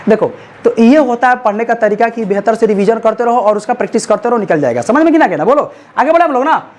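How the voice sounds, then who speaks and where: A man's voice: extremely high pitch, expressive, fast talker, slight background noise. A man teaching a classroom science lesson, constantly prompting his students to answer back. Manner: call-and-response, keeps prompting students to answer.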